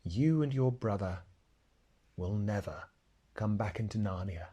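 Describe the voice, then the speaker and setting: A man voicing Aslan, a deep gentle lion. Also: animated, breathy edge. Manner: gentle, low and slow, near whisper. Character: great gentle male lion, wise and kingly.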